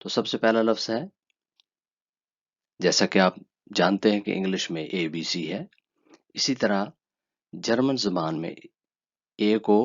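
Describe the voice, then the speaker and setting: A man with an Urdu accent teaching a language lesson, calmly saying each letter twice. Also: fairly low pitch. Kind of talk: slow spoken lesson. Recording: dull lo-fi sound.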